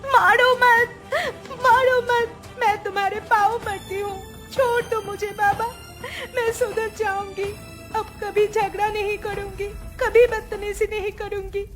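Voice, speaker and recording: A woman voicing a young daughter-in-law in a cartoon, shrill and pleading. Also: little pitch movement, a little slow, music in the background. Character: young daughter-in-law Mala, defiant then tearful. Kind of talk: cartoon voice acting.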